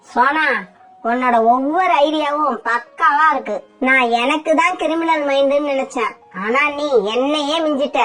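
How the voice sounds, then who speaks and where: A woman's voice: high-pitched, moderate pace, a bit bright, faint music behind. A woman voicing a scheming, jealous female bird in a cartoon who sneers and taunts. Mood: sneering. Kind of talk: cartoon voice acting.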